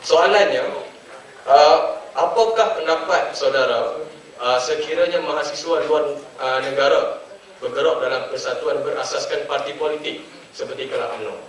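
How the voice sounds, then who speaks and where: A man's voice: fairly high pitch, far from the mic, a little hiss or hum. A young man from Penang with a Penang Malay accent moderating a student forum, hesitant with many fillers and light jokes. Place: large echoing hall. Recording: echoey hall, voice from afar.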